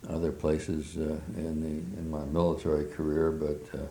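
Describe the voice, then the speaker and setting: This is a monotone older man with an exceptionally deep and mellow voice, telling his recollections during an oral history session. Hesitations crowd his frequent pauses, and the audio carries a roomy echo.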